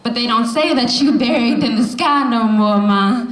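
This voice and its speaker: A poet in her 20s from the Bronx, New York, speaks at a fairly high pitch and normal speed during an open mic at a poetry café reading room. Her spoken word is impassioned and rhythmic, repeating lines for emphasis, and the echoey room carries faint ambience.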